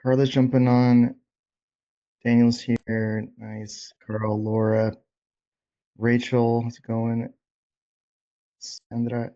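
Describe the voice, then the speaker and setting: This man speaks slowly in a mid-range, dark-toned voice, keeping a level tone and leaving long pauses. He's running a casual group coaching session on a video call, checking in with people informally and encouragingly, and the audio is dull and lo-fi.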